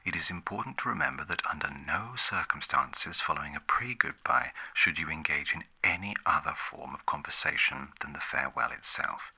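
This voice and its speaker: A man playing a formal, condescending 1950s public-service ad announcer in an ASMR role-play, a soft gravelly voice and deadpan, measured delivery. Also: exaggerated voice, low-quality recording. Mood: deadpan instructive. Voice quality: breathy, soft, gravelly low voice.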